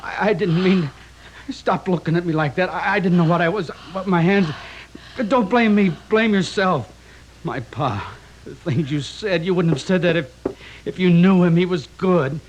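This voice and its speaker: Man acting hot-tempered young husband, high-pitched voice, heated shouting-match pleading, old radio drama. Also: highs cut off, natural voice. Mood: agitated, defensive.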